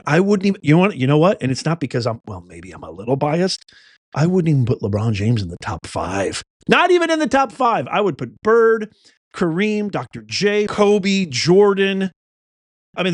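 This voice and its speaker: Opinionated middle-aged man, fairly high voice. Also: dry recording, studio quality. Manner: animated, reading reports aloud with blunt asides. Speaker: host. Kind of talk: opinionated news commentary.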